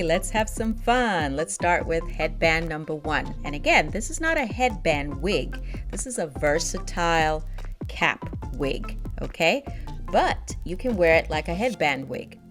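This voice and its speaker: This young beauty vlogger, who grew up in both Nigeria and the United States, has a voice on the low side. Reviewing a product for her vlog, she chats in an upbeat way and laughs frequently.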